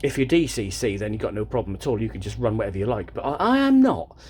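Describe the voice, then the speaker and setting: A man's voice: fairly low pitch, big pitch swings, fast, a little mellow, husky. A man vlogging about his model railway layout in a chatty, rambling way, often stopping and restarting his sentences, recorded on a tripod camera indoors. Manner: rambling, chatty, self-interrupting. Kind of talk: casual show-and-tell vlog.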